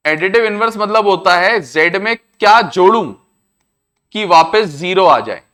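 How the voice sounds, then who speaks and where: A man with an Indian accent teaching a maths class, explaining each step slowly and repeating himself. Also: high voice, expressive, fairly bright tone. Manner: repetitive, explains step by step, often says "I said". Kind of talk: classroom lecture to students.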